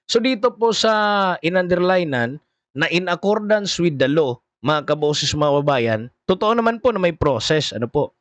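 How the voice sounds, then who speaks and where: A man giving casual political commentary, halting and full of fillers, often repeating his greeting to viewers. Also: a little high, very animated, dry recording.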